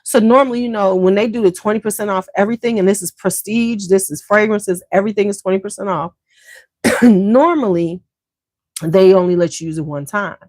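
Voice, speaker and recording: A woman's voice: medium pitch, fairly quick, darkish tone, no echo. A woman hosting a beauty livestream, chatting casually and slangily straight to her viewers.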